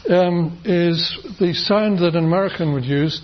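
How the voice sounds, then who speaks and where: A man's voice: high voice, unhurried, slight background noise. A British man giving a university phonetics lecture, explaining patiently with many fillers and restarts and demonstrating sounds aloud. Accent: British English. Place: lecture room. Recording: dull lo-fi lecture recording.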